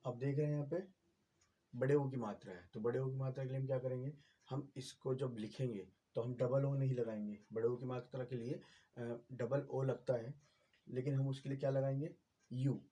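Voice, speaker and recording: A man's voice: medium pitch, mellow, breathy edge. A man, patiently explaining a writing lesson as a teacher, with many fillers and repeated checks.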